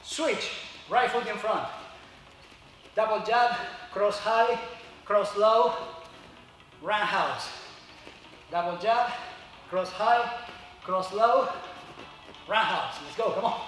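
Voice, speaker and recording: A man's voice: high-pitched, slow, long pauses, a bit bright, slight background noise. A man coaching a kickboxing workout, exerting himself as he calls out punch combos like a boxing coach in short cues with punchy sound effects. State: exerting himself, breathy from exercise. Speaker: fitness kickboxing instructor. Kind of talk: workout class instruction, short shouted cues and encouragement. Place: large indoor martial arts studio. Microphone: far from the camera. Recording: echoey room, distant mic, music behind. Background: workout music.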